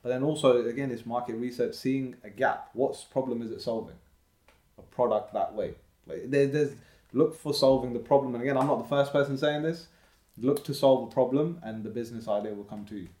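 A man's voice: medium pitch, brisk, warm tone. Earnest motivational man in his thirties. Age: 30s. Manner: earnest, motivational, advice-giving. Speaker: podcast guest. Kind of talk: casual podcast conversation. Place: indoor room with bookshelf. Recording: roomy echo.

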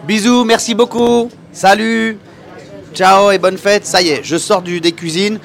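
A man hosting a podcast in casual chat, excitable and joking, often breaking into laughter. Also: high-pitched, measured pace, gravelly. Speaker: podcast host. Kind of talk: casual chat on a kitchen tour.

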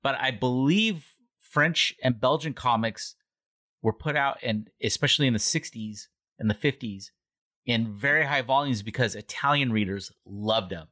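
A man co-hosting a casual book club podcast, talking in a rambling, animated way and often correcting himself. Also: medium pitch, moderate pace. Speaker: podcast co-host.

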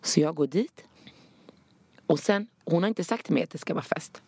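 A young woman from Sweden chats on a podcast, her lowish voice carrying a gravelly edge. She tells stories animatedly, dropping in English and Arabic slang words. The sound is close and dry, with no room around it. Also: lively intonation, mellow, no echo. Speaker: podcast co-host. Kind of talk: casual chat, storytelling.

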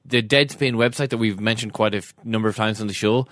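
A man with a West of Ireland accent chatting casually and haltingly as a sports podcast co-host. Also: fairly low pitch, steady tone, a bit bright, no echo, studio quality. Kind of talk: casual banter.

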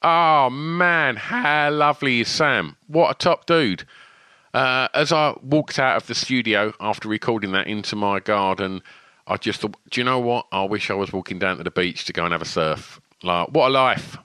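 A man's voice: mid-range voice, normal speed, pushed and bright, clean tone, dry recording. A man with an Essex accent hosting a podcast, chatting casually and effusively in matey, informal slang. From Essex, England. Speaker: podcast host. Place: small room at home, alone.

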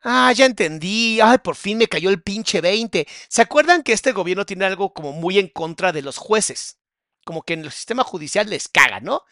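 A man with a Mexican accent mocks a video in crude, sarcastic commentary. His voice sits a bit high and rasps with gravel, and it sounds dry and close. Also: lively intonation, normal speed, pushed and bright, no echo. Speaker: psychologist reacting to a video.

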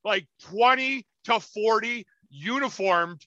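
High, bright-voiced man telling stories. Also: takes it slowly, dry recording, highs cut off. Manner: animated, profane, acts out quotes in loud voices. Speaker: podcast co-host. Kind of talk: casual storytelling chat.

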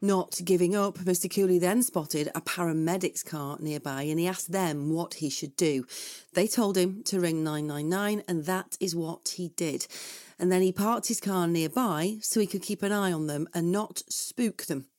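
A woman co-hosts a news podcast, recounting events clearly and steadily from a script. Her voice sits slightly low for a woman. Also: moderate pace, darkish tone. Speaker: podcast co-host and reporter.

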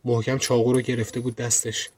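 A man narrating a first-person horror story in a grim, low tone, also hosting the podcast. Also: level tone, darkish tone.

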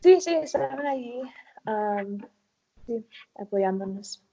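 A woman's voice: on the high side, expressive, slow pace, gravelly, warm tone. A woman, an English speaker, answering casually in learner's Spanish and searching for words. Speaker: professional footballer being interviewed. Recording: dull lo-fi audio.

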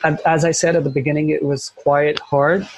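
In a low-quality recording with a little hiss or hum, a young man from Syria talks in English, his second language, with a Syrian Arabic accent. His voice sits a little high and level at a moderate pace. As a volunteer teacher being interviewed, he speaks earnestly and conversationally, circling back over phrases as he looks for the right words.

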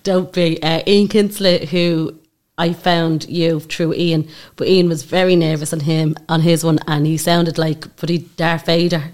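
An Irish woman hosts a casual interview in a fairly low voice. She is informal and conversational, asking probing questions in plain everyday words. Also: level tone, a little slow, a little mellow. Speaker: host, interviewer.

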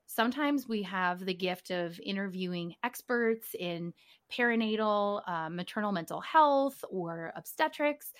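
A woman co-hosting a podcast, chatting in a playful, sing-songy way. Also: mid-range voice. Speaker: podcast co-host. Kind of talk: casual podcast chat.

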